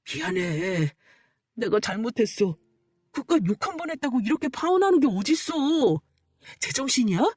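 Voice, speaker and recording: A woman's voice: high-pitched, big pitch swings, fairly quick, no echo, studio quality, voice pushed up. A woman doing a rude, hot-tempered young fiancé. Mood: pleading. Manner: rude, bossy, shouting.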